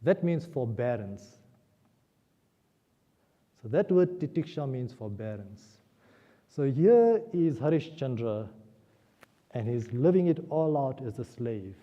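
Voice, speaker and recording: A man's voice: medium pitch, animated, takes it slowly, long pauses. A man giving an earnest spiritual discourse at a temple, telling a story and having listeners repeat key words aloud. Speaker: guest speaker at a temple. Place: temple hall. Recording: dull lo-fi audio in a reverberant hall.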